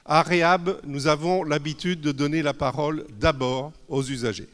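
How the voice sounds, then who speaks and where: A man's voice: on the high side, fairly even intonation, moderate pace, fairly bright tone. A man hosting a conference, formally introducing the guest speakers. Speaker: conference host. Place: conference hall. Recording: reverberant hall.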